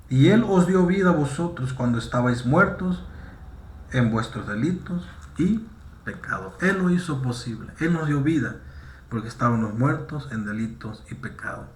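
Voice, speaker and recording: Man preaching a sermon, middle pitch, keeps tossing in quick questions to the crowd, roomy echo. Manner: preaching with frequent "amén" and "¿sí?" to the congregation. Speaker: pastor.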